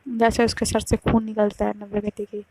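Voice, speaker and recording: A woman's voice: mid-range voice, monotone, a little fast, dark tone, slightly rough, dry recording, faint music behind, rough recording. A woman casually narrating a love story, tying events together with "then she says".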